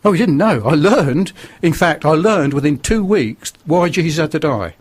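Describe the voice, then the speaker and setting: A man's voice: fairly high pitch, expressive, moderate pace, breathy edge. An older man with a northern English accent, telling his life story earnestly as a radio guest. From northern England. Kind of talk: testimony in a radio interview.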